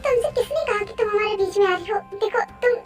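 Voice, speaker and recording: Brief: hushed, apologetic young husband put on by a young woman, pitched lower than her own voice but still high, soft and soothing. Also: quick pace, soft background music. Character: young man, torn, guilty, soothing husband. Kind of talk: Hindi fan dub role-play.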